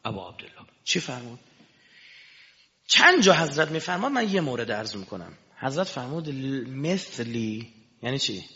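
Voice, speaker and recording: A man giving an impassioned sermon, dropping to a hush and then rising to shouting. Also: medium pitch, sing-song. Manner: impassioned, swings between hushed and shouting. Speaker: religious preacher. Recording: echoey hall, dull lo-fi sound.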